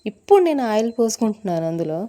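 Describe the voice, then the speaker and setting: Mom cooking in a tiny hot kitchen, chatty, keeps asking viewers stuff, mellow voice. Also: female voice, medium pitch, big pitch swings, very fast. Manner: chatty, asks viewers questions. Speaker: cooking vlogger and mother. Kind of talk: casual cooking vlog narration. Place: small hot kitchen room.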